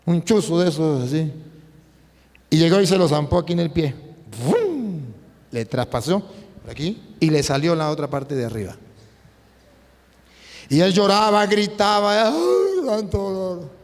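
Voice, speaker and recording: Animated preaching priest, high voice, reverb. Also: male voice, normal speed. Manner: animated storytelling with sudden swings in pitch and loudness. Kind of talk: preaching sermon. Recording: long hall reverb.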